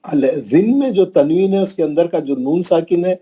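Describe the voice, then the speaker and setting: Man, Hyderabadi accent, Quran teacher, husky voice, slightly high pitch, patient drilling. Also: warm tone, poor audio. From India. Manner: slow, patient, repeats examples and drills pronunciation. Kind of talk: classroom tajweed lesson.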